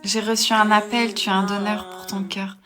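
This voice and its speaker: A woman voicing a tender mother who speaks gently and soothingly to her teenage daughter. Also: medium pitch, little pitch movement, normal speed, over music, close to an everyday voice.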